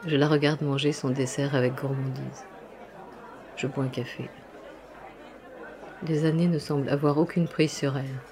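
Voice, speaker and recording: A narrator reading a first-person story aloud in an intimate, measured manner, telling it in the present tense. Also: mid-range voice, darkish tone. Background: music.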